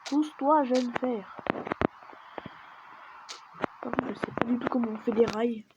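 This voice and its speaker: In unhurried let's-play commentary, a woman with a higher-leaning voice chats and mumbles to herself while gaming, often sinking to a near-whisper. She's a gaming video creator, and the audio is dull and lo-fi with steady noise underneath.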